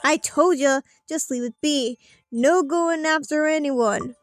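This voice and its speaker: High-voiced woman reading game dialogue aloud. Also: slow, soft background music. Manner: theatrical, acting out character lines. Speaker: let's play streamer.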